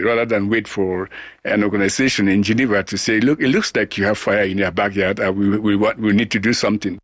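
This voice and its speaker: A middle-aged man from Cameroon, a global health scientist answering interview questions in an earnest, deliberate way with frequent restarts. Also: on the low side, fairly bright tone, dry recording, clean studio sound.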